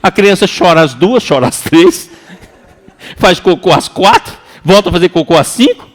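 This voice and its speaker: A man with a Brazilian Portuguese accent giving a lively, colloquial seminar lecture to an audience. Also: sits high, normal speed. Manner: animated and colloquial, acts out quoted voices. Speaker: seminar speaker. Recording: reverberant hall.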